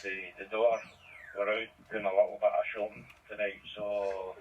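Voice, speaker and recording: A man's voice: fairly low pitch, level tone, normal speed. A man on amateur radio telling an easygoing story with hesitations. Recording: distant, muffled radio transmission.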